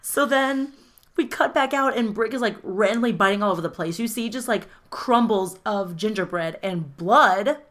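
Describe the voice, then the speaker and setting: A woman in casual chat, recapping a film with profane, animated storytelling and frequent laughter. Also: medium pitch, moderate pace. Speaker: podcast co-host recapping a film.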